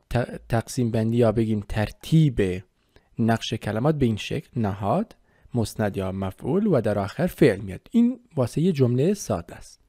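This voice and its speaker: A male teacher takes his listeners through a grammar review at a steady, methodical pace, listing each form one by one. His voice is warm and mellow, with a middling pitch. It is recorded close and dry, with no room sound. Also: no echo. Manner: methodical, repeats and spells out word forms. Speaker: language teacher. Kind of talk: explanatory grammar lesson.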